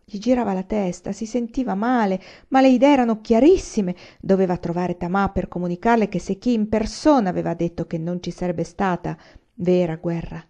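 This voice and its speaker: A woman reading a novel aloud as an audiobook, at a steady, measured pace. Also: fairly low pitch. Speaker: reader. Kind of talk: audiobook narration. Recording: slightly muffled lo-fi recording.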